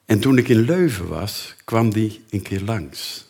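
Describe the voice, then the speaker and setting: A man preaching a sermon and telling a personal story, earnest, rising to emphatic lines and dropping to hushed whispers. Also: lowish voice, lively intonation, measured pace, vocal fry, breathy edge.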